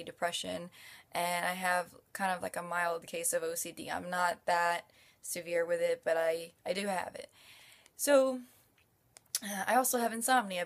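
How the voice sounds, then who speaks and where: A woman's voice: fairly low pitch, creaky. A young woman with a New Jersey accent, talking openly in a rambling, casual vlog full of fillers. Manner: open, rambling, many fillers. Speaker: YouTuber.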